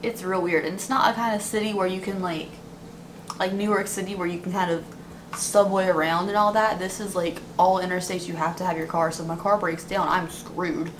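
The noisy indoor recording captures a beauty vlogger in her twenties venting to camera in a small, dim apartment room. She talks fairly quickly with a low, steady voice, chatting casually while complaining at length.

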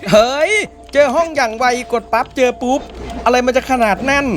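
A young man hosting a gaming channel, giving excited gameplay commentary with loud exclamations and swearing. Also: extremely high pitch, normal speed, music in the background.

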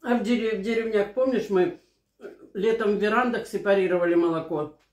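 A woman's voice: mid-range voice, a little fast, a little mellow. A woman in her sixties chatting casually and telling anecdotes over a meal at home. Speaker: mukbang vlogger. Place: small living room at home, indoors. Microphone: camera across the table. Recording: roomy, echoing home room.

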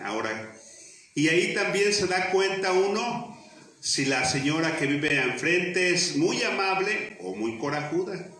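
A man's voice: fairly high pitch, a bit bright. A middle-aged man, a priest, reading and preaching at Mass in a church with cathedral-like echo. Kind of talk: liturgical reading and homily at Mass. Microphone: handheld mic through speakers, recorded from far camera. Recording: echoing church, distant mic, faint noise.

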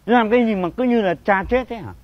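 An actor playing an impatient, bossy village husband who snaps gruff orders. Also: male voice, high voice, quick pace, lo-fi sound, heavy background noise, natural voice. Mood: scolding. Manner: gruff, commanding, snapping orders. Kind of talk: slapstick comedy acting.

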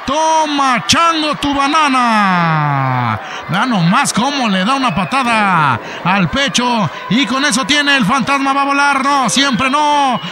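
A man with a Mexican accent giving excited, playful wrestling commentary in a shouting manner. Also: extremely high pitch, a little slow, few pauses. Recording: loud arena noise behind voice.

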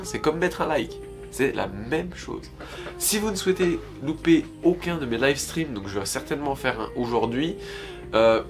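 Young Frenchman chatting casually, music behind. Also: on the high side. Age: 20s. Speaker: YouTube vlogger. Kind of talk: casual chat to camera. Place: indoor room at home.

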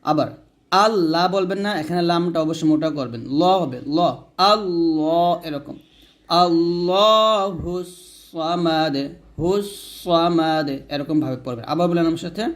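A man with a rather high voice teaches Quran reading step by step. He spells out the letters one at a time and breaks each verse into words. Then he has the listener repeat the phrases after him. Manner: spells letters aloud, then recites slowly with a drawn-out chant; repeats phrases for the viewer to say back. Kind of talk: Quran recitation lesson.

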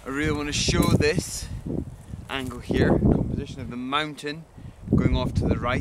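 A young man with a cold, a landscape photographer enthusiastically talking through his plans to camera on a windy hilltop. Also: medium pitch. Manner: enthusiastic, thinking aloud. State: has a cold. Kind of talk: outdoor vlog narration. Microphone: camera mic, hand-held close and far camera. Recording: wind noise on outdoor mic.

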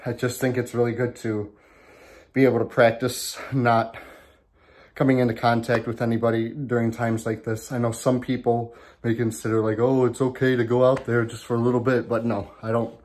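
A man's voice: mid-range voice, flat delivery, moderate pace, a little mellow. Casual rambling guy vlogging from his garage. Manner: rambling, lots of ums and restarts. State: out of breath. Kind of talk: casual vlog chat. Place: home garage. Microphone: handheld camera.

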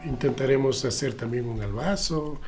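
A man's voice: mid-range voice, moderate pace, a little mellow, soft background music. A man, a musician guest, explaining his song hesitantly with fillers.

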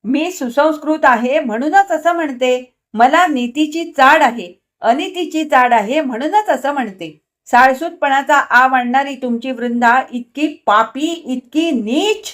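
A woman voicing a jealous, furious young wife in a storybook reading, shrill and accusing. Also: normal speed, close to an everyday voice.

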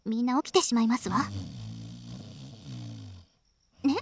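A woman's voice: fairly high pitch, expressive, fast talker, a little hiss or hum, lightly acted. A woman playing a refined, proud teenage heiress in a Japanese visual novel game, speaking in formal, ladylike, polite phrases. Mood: hushed, polite.

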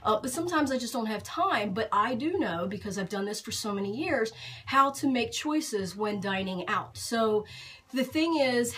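A woman's voice: fairly high pitch, expressive, moderate pace, a bit bright. A woman in her forties, a fitness vlogger, chatting frankly to camera in a small room, with many fillers and restarts. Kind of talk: casual talk to camera.

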